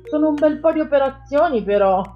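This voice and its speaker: A woman's voice: high-pitched, animated, a little fast, muffled recording, faint music behind, voice pushed up. A woman reading an audiobook, voicing an eager, obedient young boy.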